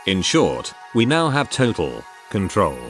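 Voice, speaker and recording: This is scripted storytelling from a narrator: an actor voicing an AI guide, his male voice low and expressive, with music running underneath. His telling is calm, measured, and dryly understated.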